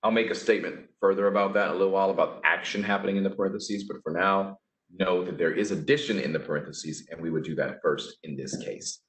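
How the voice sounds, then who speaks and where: A man's voice: low voice, steady tone, fast talker, a bit bright. A man teaching a casual math lesson, talking through each step with chatty, offhand asides. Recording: echoey room.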